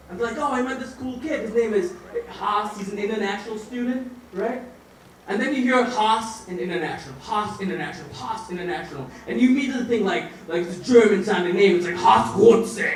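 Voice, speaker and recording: High-voiced stammering young male comedian. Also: slight background noise. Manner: rambling, stammering delivery with shouted outbursts. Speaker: stand-up comedian. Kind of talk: stand-up set. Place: comedy stage in front of a live audience. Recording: echoey room, mic heard from a distance.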